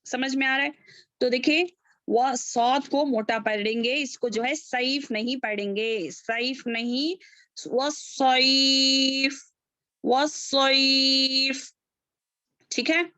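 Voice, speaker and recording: A woman teaching an online tajweed class over a video call, drawing out syllables in slow repeated recitation drills and checking in often with her students. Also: on the high side, a bit bright, dry recording.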